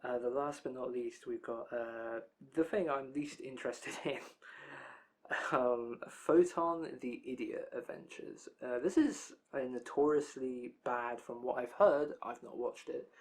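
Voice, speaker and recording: Worn out from talking so long, a young anime release news vlogger drifts through his roundup in a loose, chatty way, wandering into side remarks. He speaks unhurriedly at an ordinary mid-range pitch.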